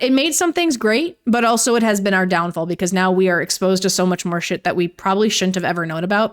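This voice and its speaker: A woman's voice: fairly low pitch, clear, resonant tone. A young woman, giving a casual vlog commentary in a ranting, sarcastic way and swearing freely. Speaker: YouTuber.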